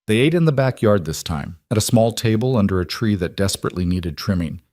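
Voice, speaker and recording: Low-voiced male story narrator. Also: lively intonation, fast, a little mellow, dry recording, studio quality. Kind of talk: scripted narration.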